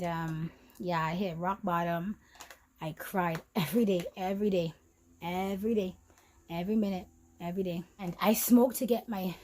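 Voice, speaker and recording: A young woman with a lowish voice vlogs candidly about a hard stretch in her life, repeating herself and sometimes close to tears. She uses many fillers and restarts, drifting soft and quiet, and the audio is poor. It's an emotional personal story vlog.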